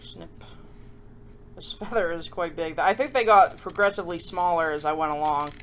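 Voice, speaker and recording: The host of a children's craft show, a woman with a voice on the low side, talks at a moderate pace, with a little hiss or hum in the background. Her tutorial is casual and chatty, sprinkled with playful self-mockery and frequent questions to viewers.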